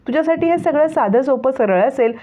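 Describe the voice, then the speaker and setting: A woman's voice: sits high, expressive, fairly quick, warm tone, pitched above the performer's own voice. A woman voicing a proud, hurt young man who speaks curtly and with resentment. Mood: resentful. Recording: tinny phone-like sound.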